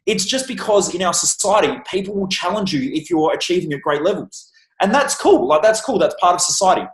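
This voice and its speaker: A man's voice: high-pitched, lively intonation, a little fast. Blunt swearing man, echoey room. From Australia. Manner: blunt, emphatic, swears freely. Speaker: guest, success coach. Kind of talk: casual podcast interview. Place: room with a bookshelf.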